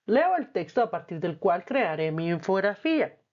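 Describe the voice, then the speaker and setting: A woman teacher reading and explaining a textbook lesson, patient and clear. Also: medium pitch, sing-song, normal speed, dull audio.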